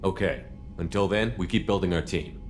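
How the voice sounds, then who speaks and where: A decisive starship commander, played by a man, steady and firm in every order. His voice sits a little low. Clear game music runs underneath him. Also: normal speed, lightly acted. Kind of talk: video game cutscene acting. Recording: game audio with score.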